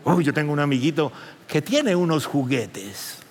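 A man preaching a sermon as pastor, animated and rising to near shouts. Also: fairly high pitch, moderate pace, husky, long reverb tail.

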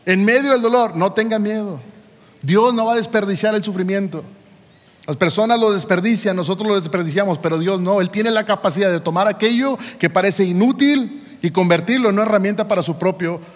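A man's voice: sits high, a little fast, in a large hall. A man in his forties, a pastor preaching a sermon, emphatic and full of rhetorical questions. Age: 40s.

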